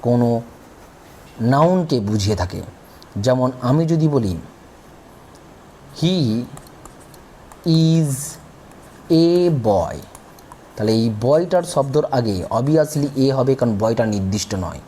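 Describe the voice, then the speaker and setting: A man's voice: medium pitch, expressive, takes it slowly, long pauses, warm tone, slight background noise. A man teaching a grammar lesson, spelling out words letter by letter and explaining patiently. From India.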